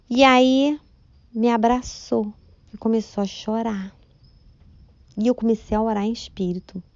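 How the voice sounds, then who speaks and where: A woman tells her church testimony in a chatty, emotional way, often checking in with her listeners. Her voice has a gravelly fry to it. The recording is dry, with dull lo-fi sound. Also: on the low side, a little mellow, dry recording. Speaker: church member giving testimony. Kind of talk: spoken religious testimony.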